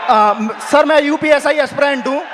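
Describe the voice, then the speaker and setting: A young man speaks publicly as an exam aspirant, his voice raised and very high. He presses his grievances insistently, point after point. The sound rings through a large hall with some crowd and background noise. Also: normal speed, fairly bright tone. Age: young adult. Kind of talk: impassioned public testimony.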